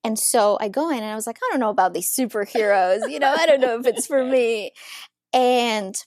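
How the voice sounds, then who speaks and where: A woman from Ukraine in her thirties, a psychologist telling her story as a podcast guest in an eager, lively way. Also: on the high side, a little fast, dry recording, clean studio sound. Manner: warm, eager storytelling with frequent laughs. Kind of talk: casual interview.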